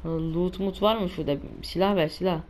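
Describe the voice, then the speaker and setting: A woman's voice: lowish voice, steady tone, brisk, darkish tone. A woman giving let's play commentary, exasperated and cursing at enemies. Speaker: gamer playing a survival shooter.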